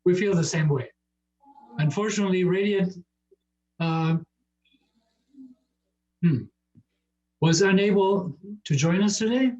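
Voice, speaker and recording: Male emcee reading award citations, slightly high voice, dull lo-fi sound. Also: slow pace, pauses often, a little mellow. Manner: reads from script, improvises lightly. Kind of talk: scripted award presentation. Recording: dull lo-fi audio.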